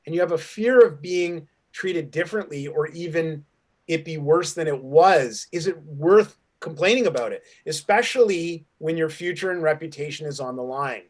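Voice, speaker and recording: Acting as program director, a man hosts an online panel discussion over a video call, speaking thoughtfully and restarting sentences while forming his questions. His voice is a little high at a normal speed.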